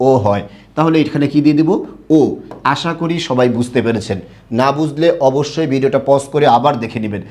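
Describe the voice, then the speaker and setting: A man teaching Bengali pronunciation in an online lesson, who asks the class questions, answers them himself and spells words out slowly letter by letter. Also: mid-range voice, a little mellow. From Bangladesh.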